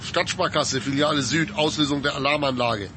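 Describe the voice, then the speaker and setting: A man's voice: fairly high pitch, moderate pace. An actor playing a male patrol officer answering the dispatcher over two-way radio, curt and matter-of-fact. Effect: two-way radio with clicks. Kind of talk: scripted radio sketch for a listening exam. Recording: loud static and radio clicks.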